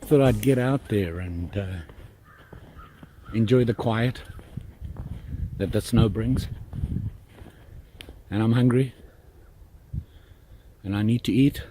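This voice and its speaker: A middle-aged man from Zimbabwe, chatting casually through an outdoor cooking vlog in snowy woods, relaxed and full of fillers. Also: mid-range voice, slow pace, long pauses, slight background noise. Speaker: outdoor vlogger.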